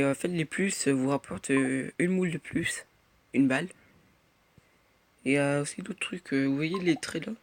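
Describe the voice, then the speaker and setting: A teenage boy giving casual gameplay commentary, rambling with many fillers and muttering at the game. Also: mid-range voice. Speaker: gaming youtuber. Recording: noisy home recording.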